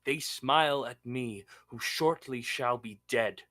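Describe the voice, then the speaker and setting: A student actor playing a trusting, rueful English lord in a Shakespearean radio play, declamatory and measured. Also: mid-range voice, sharp tone. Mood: bitter, prophetic.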